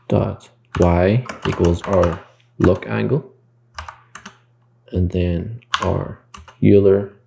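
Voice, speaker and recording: A man's voice: low-pitched, gravelly, noisy background. A man teaching game development in a screen-recorded coding tutorial. He explains the code step by step, thinks aloud and corrects himself mid-sentence.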